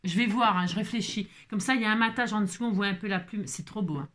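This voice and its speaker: A woman hosting a casual card-making tutorial, chatty and animated, thinking aloud as she works and dotting her talk with little interjections. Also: medium pitch, fast talker, slight background noise. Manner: chatty and animated, peppered with "hein" and exclamations; talks to herself while working, improvising aloud. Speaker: craft tutorial host.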